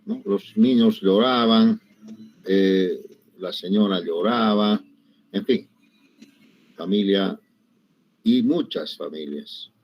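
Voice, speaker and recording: Lower-voiced lecturer telling stories. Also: male voice, darkish tone, husky. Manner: conversational, frequent tag questions, self-corrections. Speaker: engineering lecturer. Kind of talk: lecture with personal anecdotes. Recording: dull lo-fi recording.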